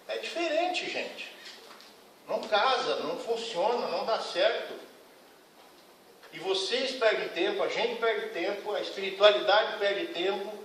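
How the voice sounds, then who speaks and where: Man, spiritist lecturer, earnest and scolding, slightly high voice, very echoey hall, mic some distance away. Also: a little hiss or hum. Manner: earnest, admonishing, frank. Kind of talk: lecture to a congregation.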